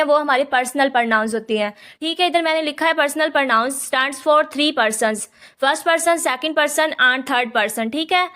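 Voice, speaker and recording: High-voiced woman teaching grammar. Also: a bit bright. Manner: explains in Hindi-English mix, repeats "ठीक है" often. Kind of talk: online lesson.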